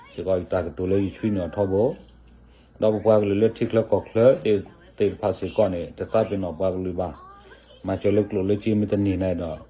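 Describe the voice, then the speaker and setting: A man talking casually in a relaxed, chatty commentary, often adding little tag words. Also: fairly low pitch.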